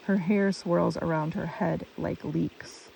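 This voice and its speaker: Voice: medium pitch, steady tone, takes it slowly, gravelly, warm tone. Enki, grieving father god, as a reader speaks him. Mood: commanding. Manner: grave, lamenting. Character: troubled father god of wisdom. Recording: distant mic with stream noise.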